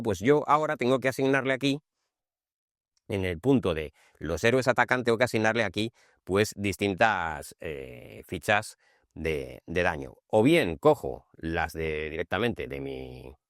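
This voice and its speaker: In a dry, studio-quality recording, a fairly low-pitched man with a Spanish accent from Spain hosts a board game channel. He gives an informal tutorial, walking through the rules conversationally and often checking that listeners follow with short tags.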